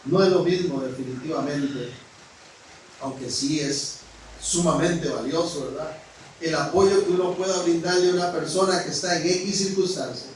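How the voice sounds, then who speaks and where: A man with a high, ringing voice preaches a sermon to his congregation, speaking frankly and directly. He swings between loud exclamations and near whispers. The sound is very echoey and comes from a distance in a church hall, with a faint hiss underneath. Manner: preaching with rising exclamations and sudden drops to a hush. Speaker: pastor.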